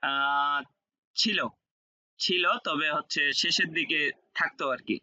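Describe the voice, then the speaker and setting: A French teacher with a very bright, fairly high voice leads an online class at a slow pace and a steady tone. He explains step by step, repeats key words and checks understanding, over dull, lo-fi sound.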